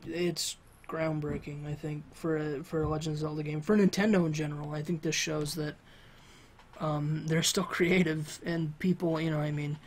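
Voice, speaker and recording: A man's voice: fairly high pitch, level tone, moderate pace, breathy edge. Rambling man on a casual podcast. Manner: rambling, many fillers and restarts. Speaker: podcast co-host. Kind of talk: casual chat.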